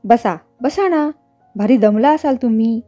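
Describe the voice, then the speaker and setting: A smooth-talking, ingratiating studio boss heaps praise on his star, as a woman narrator puts him on. The voice stays mellow and slow in this storybook reading, over faint music. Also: extremely high pitch. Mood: fawning. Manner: fawning, flattering. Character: fawning middle-aged male film company boss.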